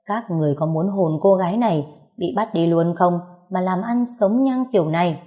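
A woman's voice: fairly low pitch, moderate pace, narrow, tinny audio, natural voice. A woman narrator voicing a domineering middle-aged female shaman who barks orders. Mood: commanding.

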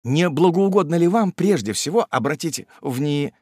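A man voicing a lean, dry middle-aged lawyer who speaks in a smooth, overly polite, soothing way. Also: fairly high pitch, animated, moderate pace, a little mellow, dry recording. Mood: placating.

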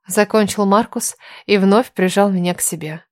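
A woman reading a first-person story aloud in steady scripted narration. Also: medium pitch, moderate pace, no echo, clean studio sound. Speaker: audiobook narrator.

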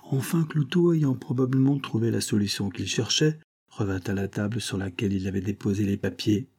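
A man reading a novel aloud as narrator, in steady, measured storytelling. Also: lowish voice, husky. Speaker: audiobook reader. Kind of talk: scripted narration.

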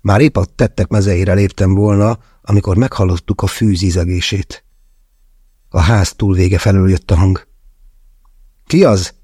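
A man narrating a thriller audiobook in the first person with tense, measured delivery. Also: low voice, steady tone, mellow, breathy edge, no room sound, clean studio sound.

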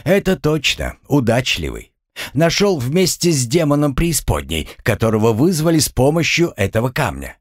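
A man voicing a calm, unflappable young man who talks with dry irony. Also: medium pitch, moderate pace, no room sound, voice pushed up. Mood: ironic.

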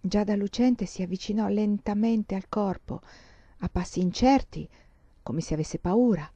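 A woman reading a novel aloud as an audiobook narrator, in a measured storytelling manner, on a dull lo-fi recording. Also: mid-range voice, warm tone, dry recording. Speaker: audiobook reader.

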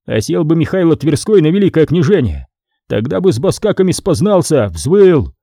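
A harsh tax scribe from old times, stern and mocking, his voice raised high and loud above the reader's own, as a man puts him on. The tone is dark and mellow, with a lively swing in pitch. The recording is close and dry, as in an audiobook. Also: moderate pace, gravelly, dry recording, full character voice.

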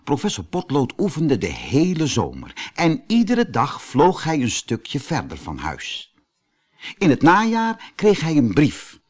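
A man from the Netherlands reading a children's fairy tale aloud as a storyteller, lively and expressive. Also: a little high. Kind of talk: audiobook fairy tale narration.

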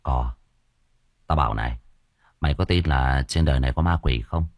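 A man voicing a calm, scheming young gang boss who speaks bluntly and quietly. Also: a bass voice, normal speed, no echo, clean studio sound, pitched below the performer's own voice. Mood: sly.

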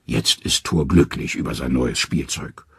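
A man narrating a myth for an audiobook in a dramatic, expressive way. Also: extremely low pitch, a little slow, vocal fry, slightly rough, no room sound, clean studio sound. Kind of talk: scripted storybook narration.

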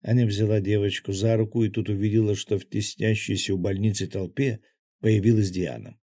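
Husky, dark-voiced male narrator. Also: on the low side, flat delivery, brisk, no room sound, clean studio sound. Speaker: audiobook narrator. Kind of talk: scripted narration.

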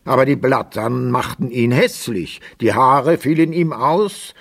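A man's voice: medium pitch, a little slow, creaky, slightly rough. A man narrating a German literary radio play as a scripted storyteller.

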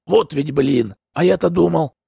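A male narrator voicing a surly, evasive river poacher who grumbles and snaps back in a rough, raspy voice. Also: a little high, unhurried, dark tone, dry recording, studio quality, voice pushed up, heavily acted. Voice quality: gravelly, raspy. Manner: grumbling, snapping back defensively.

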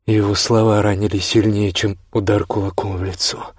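A man narrating a first-person novel in a sardonic, low-key read. His voice sits low and sounds husky, with a slight grain. The recording is dry and close, with no room sound. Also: little pitch movement, moderate pace, no echo. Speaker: audiobook narrator.

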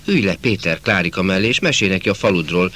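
A man voicing a kind, fatherly army officer and teacher who speaks gently and calmly. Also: low voice, full character voice. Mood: gentle fatherly.

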